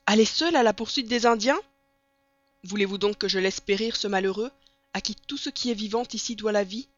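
Reader doing an agitated police inspector, urgent and excited, dull lo-fi sound. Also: mid-range voice, a little slow, no echo. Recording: dull lo-fi recording.

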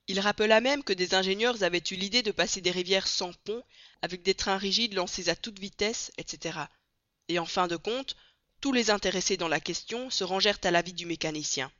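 Bright, measured audiobook narrator. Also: mid-range voice, no room sound. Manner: measured, clear storytelling. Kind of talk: classic novel narration. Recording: dry, dull lo-fi read.

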